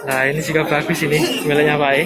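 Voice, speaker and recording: A man's voice: on the high side, little pitch movement, quick pace. A man with a Javanese-region Indonesian accent giving casual on-site commentary as a livestock market vlogger, addressing viewers familiarly. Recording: loud crowd and music behind. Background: crowd noise and music.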